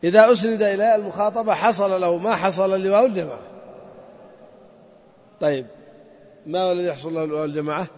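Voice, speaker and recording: A man's voice: high voice, fast, pauses often, a little mellow. A man teaching a grammar lesson to a class, methodically repeating points and quizzing his students. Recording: dull lo-fi sound in a reverberant hall.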